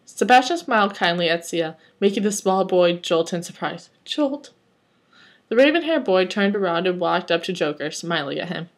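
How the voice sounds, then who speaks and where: A woman's voice: lowish voice, animated, brisk, few pauses. A woman reading fanfiction aloud, breaking off into chatty, wry commentary. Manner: chatty, rambling asides, wry. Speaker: reader.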